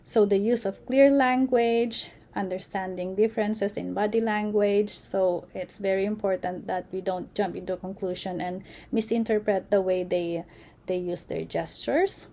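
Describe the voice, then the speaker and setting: A woman giving an unscripted lecture, halting often with fillers and restarts. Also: mid-range voice, steady tone, warm tone. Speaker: presenter.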